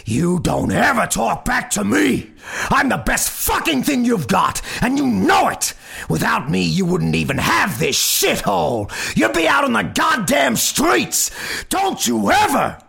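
A man voicing a brutal, abusive father who screams in fury, in a dark audio story. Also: huge pitch swings, unhurried, vocal fry, slightly rough, full character voice. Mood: raging. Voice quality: strained high shouting.

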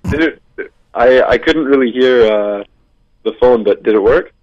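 A man's voice: medium pitch, moderate pace, dry recording. A man calling in to a radio show as co-host, heard through a phone on speakerphone, chatting casually with jokey, rambling asides. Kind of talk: casual on-air banter. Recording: muffled phone line.

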